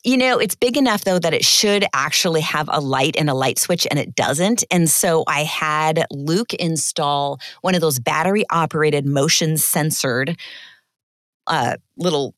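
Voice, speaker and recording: A woman's voice: low-pitched, measured pace, a bit bright, no room sound, clean studio sound. A middle-aged woman hosting a podcast in a casual, chatty way with rambling asides, recorded in a small closet. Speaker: podcast host. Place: small walk-in closet at home.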